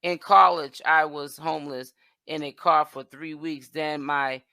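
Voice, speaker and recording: Chatty woman with a bright voice. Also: sits low, fairly even intonation, measured pace, no echo. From Boston, Massachusetts. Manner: chatty, reads comments aloud, trails off and restarts. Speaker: host of a livestream commentary channel. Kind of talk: casual chat reading viewer comments.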